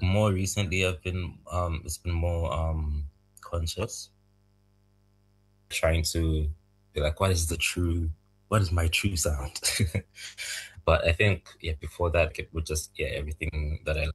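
A young man from Zambia, raised in Malawi, answering interview questions about making music in a soft, thoughtful, halting way. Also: sits low, steady tone, husky, rough recording. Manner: soft-spoken, thoughtful, halting, laughs lightly. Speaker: music producer, guest.

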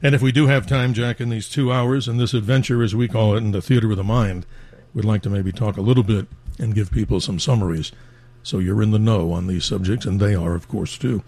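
A man's voice: fairly low pitch, steady tone, fairly quick, a little mellow, breathy edge. A man hosting a talk radio show with an effusive, promotional announcer delivery, speaking into a studio microphone. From New York metro area.

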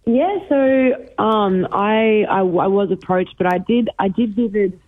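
A woman's voice: mid-range voice, measured pace. Young Australian woman on a tinny phone line. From Brisbane, Australia. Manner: bubbly, giggly, many restarts. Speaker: musician guest. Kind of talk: phone interview on breakfast radio.

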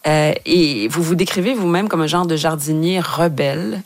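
Radio host, woman, low-ish voice, dry studio sound, lively and teasing. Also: moderate pace, no echo. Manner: lively, laughs easily, teasing questions. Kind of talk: radio interview.

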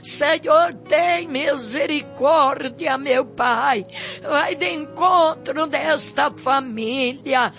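Tearfully pleading in short bursts, a Brazilian woman acting as preacher leads an impassioned intercessory prayer. She speaks high-pitched with a fairly bright tone, captured on dull lo-fi audio over background music.

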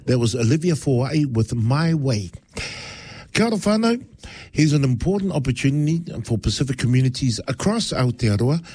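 A man presenting live radio, reading announcements in a halting way. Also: fairly high pitch, a little mellow, slightly rough. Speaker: radio host.

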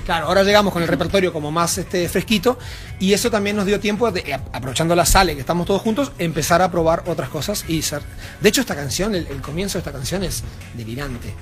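Faint music can be heard as a Uruguayan band member talks fast in a fairly high voice during a casual backstage interview at a music venue. He rambles with plenty of fillers and restarts, and his accent is Uruguayan Spanish.

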